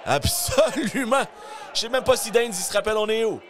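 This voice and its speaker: A man with a Quebec French accent calling live wrestling play-by-play as an excited commentator who often shouts and exclaims. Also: high voice, rapid-fire. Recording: live event with crowd noise.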